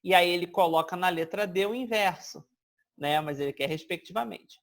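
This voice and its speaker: A man's voice: sits high, moderate pace, creaky, a bit bright. A man teaching an exam-prep grammar lesson. He explains step by step, keeps checking in with his listeners, and stretches out example words to demonstrate them.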